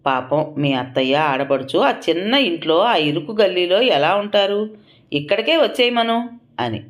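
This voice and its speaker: A woman's voice: lowish voice, lively intonation, normal speed, lightly acted. A woman voicing a defiant young daughter-in-law who talks bluntly and sarcastically. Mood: defiant, sarcastic.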